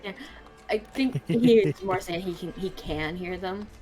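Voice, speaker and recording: A woman's voice: on the low side, unhurried, over music. A woman chatting casually while playing a tabletop role-playing game. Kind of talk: casual chat.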